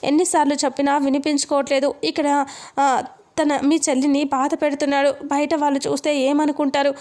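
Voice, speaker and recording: Woman doing proud schemer, high voice, flat melody. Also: brisk, close to an everyday voice. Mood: scornful. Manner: retold plainly in the narrator's own voice.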